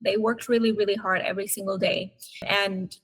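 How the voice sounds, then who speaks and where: A woman's voice: medium pitch, little pitch movement, normal speed, slightly rough, poor audio. A woman in her thirties from Burma, raised in Thailand, answering interview questions earnestly with frequent fillers and restarts. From Burma (Myanmar), raised in Thailand. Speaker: guest, human rights activist.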